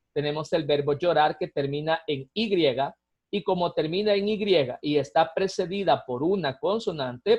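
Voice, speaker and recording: A man giving a recorded lesson, explaining grammar rules patiently step by step, often checking in with a quick tag question. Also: fairly high pitch, a little mellow. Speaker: teacher. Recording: dull lo-fi recording.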